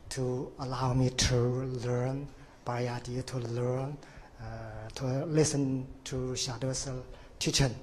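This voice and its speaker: A man from China, a monk participant, giving very halting thanks with constant fillers. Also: medium pitch, slight background noise.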